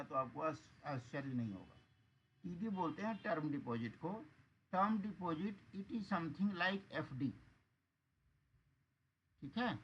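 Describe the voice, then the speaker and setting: A man gives an online accounts lesson in a slightly high voice. He explains patiently and keeps checking that the class follows along. The audio is dull and lo-fi, with a faint hiss underneath. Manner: patient explaining, asks students rhetorical checks. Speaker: accounts and taxation teacher.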